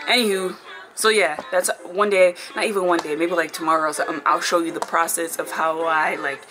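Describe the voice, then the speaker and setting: A woman giving a casual, excitable room tour for her vlog at home. She is congested and talks in a chatty way, full of fillers. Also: fairly low pitch, background noise. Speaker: vlogger.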